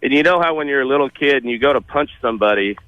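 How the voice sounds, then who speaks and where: A man calling in to a radio show, telling a childhood story with animated, laughing delivery. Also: medium pitch, very fast, dry recording, lo-fi sound. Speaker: caller. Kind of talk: phoned-in storytelling.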